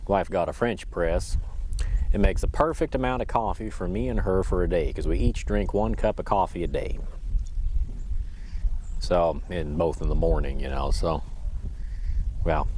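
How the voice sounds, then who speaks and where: A man's voice: low-pitched, a little mellow, a little hiss or hum. A man, perhaps middle-aged, rambles casually in a folksy, easygoing way, speaking into a lapel mic. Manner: folksy, easygoing, chuckles to himself. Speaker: vlogger. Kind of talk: casual, rambling solo chat.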